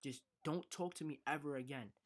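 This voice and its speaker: A man's voice: on the high side, a little fast, lightly acted. A hostile teenage girl, cursing and dismissive, as a young man quotes her in his own voice. She hurls insults bluntly.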